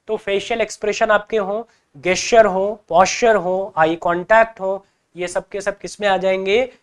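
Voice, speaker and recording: A man's voice: high-pitched, steady tone, normal speed, clean tone. A male teacher giving an exam-prep lecture, explaining with rhetorical questions and acting out everyday examples.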